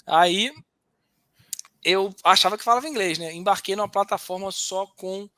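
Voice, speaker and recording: A man hosting a casual podcast chat, an animated storyteller who slips into slang and acts out the voices he quotes. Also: high-pitched, normal speed, dry recording. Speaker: host.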